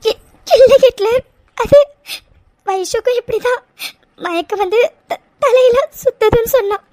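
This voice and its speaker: A cartoon young wife, voiced by a woman, speaks in a very high, squeaky voice, crying and catching on her words. The sound is dry and close, with no room around it. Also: dark tone, no room sound. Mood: tearful. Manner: sobbing, halting speech. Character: tearful young wife longing for a baby. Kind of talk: cartoon voice acting.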